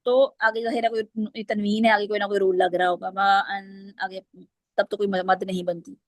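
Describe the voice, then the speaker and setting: A woman's voice: mid-range voice, flat delivery, moderate pace, darkish tone, dry recording. A woman teaching Quranic recitation rules, explaining step by step and quizzing her students. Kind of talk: online class lesson.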